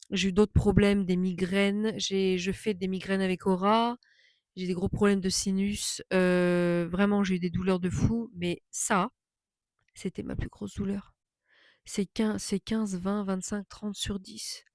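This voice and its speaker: A woman's voice: mid-range voice, darkish tone, no room sound. A woman vlogger chatting casually as she tells a personal story, indignant and emphatic, often repeating phrases for stress.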